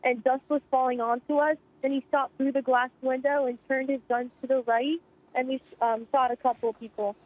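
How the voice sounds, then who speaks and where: A teenage girl, an eyewitness student, recounting events rapidly over the phone, shaken and in shock. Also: sits high, level tone. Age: teens. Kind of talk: phone interview. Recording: tinny phone line.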